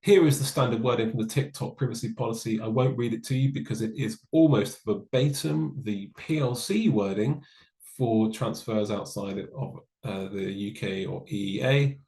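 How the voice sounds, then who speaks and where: A man giving a webinar presentation, explaining in a measured way with dry asides. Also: lowish voice, a little mellow, reverberant, poor audio. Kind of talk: online presentation on data law.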